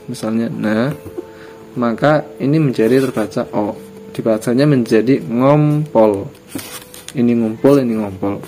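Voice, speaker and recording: A man's voice: medium pitch, a little mellow. A man teaching a lesson on reading a script, patiently repeating examples and correcting his own slips. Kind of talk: screen lesson on Pegon script.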